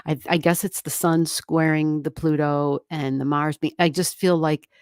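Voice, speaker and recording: On a desk microphone turned halfway down, a woman hosts an astrology livestream from a non-soundproofed room at home. Her low voice is smooth and a little mellow, with fairly even intonation and a moderate pace, as she chats, rambles and laughs often with viewers. There's no room sound and the audio is clean studio quality.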